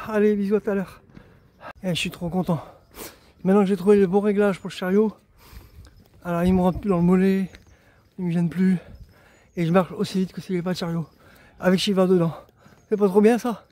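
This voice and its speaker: A weary pilgrim films himself on the move outdoors, chatting to his handheld camera as he walks along a road and path. His high, slightly mellow voice rambles and pokes fun at himself, sometimes just talking to himself, with no echo on the sound.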